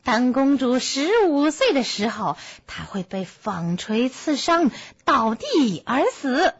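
An enraged storybook witch, put on by a woman, loud, high and fierce, dragging out her curse. The voice sits far from the mic in a dull, muffled recording. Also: very animated, slow pace, slightly rough, heavily acted. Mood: furious. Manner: angry shouting curse. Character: furious vengeful old witch.

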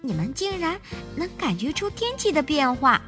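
A woman's voice: high-pitched, very animated, normal speed, music in the background, voice pushed up. A woman voicing a curious, proud little girl bear in a children's storybook, with an eager, exclaiming way of talking.

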